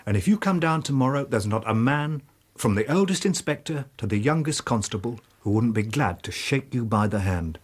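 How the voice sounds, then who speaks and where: An actor playing a plain-spoken, hearty London police inspector with an English accent in a British radio drama, blunt and sincere. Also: male voice, mid-range voice, lively intonation, normal speed, slightly rough. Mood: sincere admiration.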